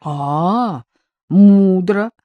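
A woman reading the part of a grown man, a gruff and exasperated father who is quick to scold. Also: mid-range voice, dry recording, dull audio.

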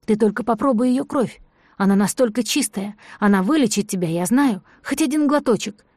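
A woman reading an audiobook voices a frantic male killer who shouts and pleads, agitated and obsessed. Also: sits high, moderate pace, dry recording, clean studio sound. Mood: pleading.

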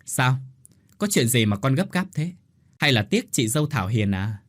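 A man's voice: mid-range voice, very animated, moderate pace, close to an everyday voice. Male narrator as a dismissive, meddling mother-in-law. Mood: sneering.

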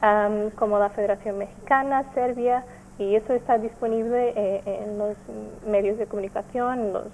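Portuguese woman, NGO spokesperson, halting fillers, warm mellow tone, faint hiss. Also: mid-range voice, fairly even intonation, rough recording. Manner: hesitant, many fillers and restarts. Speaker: NGO representative. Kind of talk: remote interview answers.

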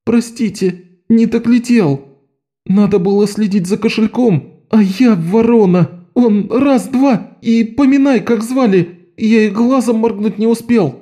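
A man's voice: measured pace, warm tone. A man voicing a young boy acolyte who wails and sobs through his words in an audiobook. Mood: sobbing. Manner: tearful high wail.

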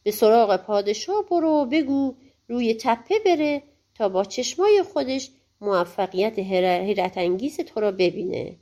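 A woman's voice: a little high, lively intonation, mellow, muffled recording, natural voice. A woman voicing a loyal male talking wolf in a storybook, reassuring and urging. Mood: scheming.

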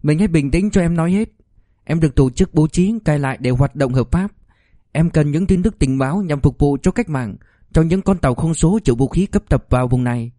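Torn young mother pleading with her husband, read by a male narrator, raised and mellow, dry audiobook sound. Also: fairly high pitch, fairly quick, no echo, pitched above the performer's own voice, lightly acted. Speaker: mother, wife of an officer.

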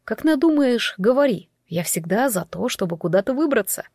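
A woman's voice: a little high, expressive, normal speed, darkish tone, no room sound, studio quality. A woman reading a cheerful teasing young man. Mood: friendly. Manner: playful, easygoing. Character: cheerful young male manager, friendly teaser.

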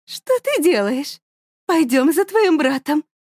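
A woman's voice: high-pitched, sing-song, slow, darkish tone, no room sound, clean studio sound, voice pushed up, exaggerated voice. A woman voicing an unstable, grieving mother who stammers and sobs, in an audiobook reading. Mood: angry. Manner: sobbing, stammering, hysterical.

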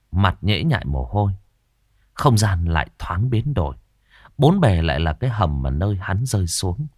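A man reads a horror story aloud in a lowish voice with a very lively, swooping pitch. His delivery is suspenseful, and the sound is dry and close to the mic. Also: no room sound. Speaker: narrator. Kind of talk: dramatic horror story reading.

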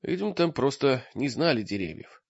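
A man reading an audiobook in expressive scripted narration, recorded with a dull lo-fi sound. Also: mid-range voice, fairly quick, gravelly, no echo. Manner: lively, expressive storytelling.

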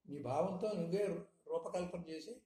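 A man giving a spiritual discourse, teaching with frequent rhetorical questions in a measured, emphatic manner. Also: high voice, mellow. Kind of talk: satsang discourse. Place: hall in Hyderabad. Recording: echoey room, faint noise.

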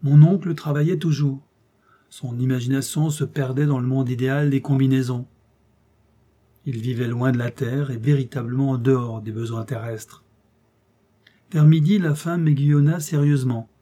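A man narrating a classic adventure novel in the first person, with expressive, measured storytelling. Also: mid-range voice. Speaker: audiobook narrator.

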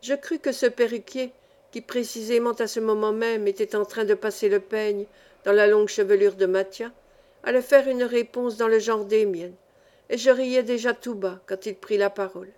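Calm woman narrating a novel. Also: fairly high pitch. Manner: calm, measured storytelling. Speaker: audiobook reader. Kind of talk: scripted narration of a classic novel.

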